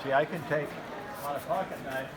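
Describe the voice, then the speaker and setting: A man's voice: a little high, fairly even intonation, fairly quick. Folksy middle-aged man demonstrating, noisy hall. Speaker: knife sharpening demonstrator. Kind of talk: live hands-on product demonstration, casual explaining. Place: large expo hall with concrete floor. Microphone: handheld camera a step or two away. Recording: noisy hall, handheld camera mic. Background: clear background noise of an expo hall.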